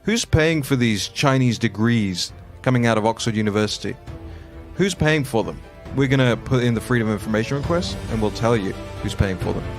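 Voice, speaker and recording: A man's voice: mid-range voice, lively intonation, brisk, soft background music. Insistent male political commentator. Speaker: talk show panelist.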